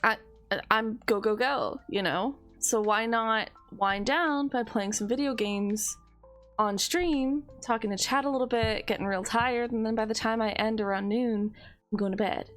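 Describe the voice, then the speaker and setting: A woman streamer chatting casually to her viewers, rambling with frequent laughs and a tired edge. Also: medium pitch.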